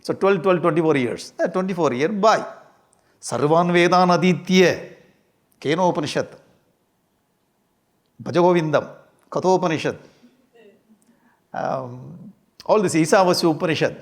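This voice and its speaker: A man with a South Indian accent and a fairly high voice gives an informal lecture on scripture. He is animated and lightly humorous, often repeating short phrases for his students. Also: normal speed, pauses often.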